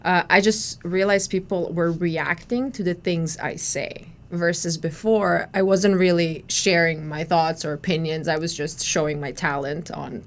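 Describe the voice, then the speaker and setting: Her voice on the low side and her intonation fairly even, this woman in her thirties from Croatia chats in English as a podcast guest. She tells stories conversationally at a measured pace with few pauses, though she often restarts and leans on "you know."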